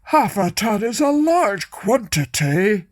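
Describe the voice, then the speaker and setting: A woman voicing a greedy, inquisitive male bear in a children's story, speaking slowly and politely. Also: medium pitch, very animated, dry recording, clean studio sound. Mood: eager. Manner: slow, wheedling, polite.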